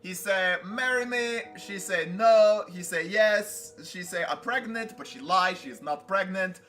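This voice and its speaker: A man's voice: high-pitched, measured pace, a bit bright, soft background music. A young man streaming a live comic read-through, reading panels aloud and voicing characters with playful drama.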